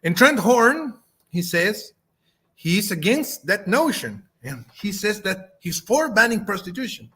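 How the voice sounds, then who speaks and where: Man with a Chilean Spanish accent, native Spanish speaker; slow, halting delivery with fillers; slightly raised pitch. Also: very animated, bright, forceful tone, husky. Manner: halting, many fillers and restarts. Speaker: channel host. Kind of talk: spoken video response.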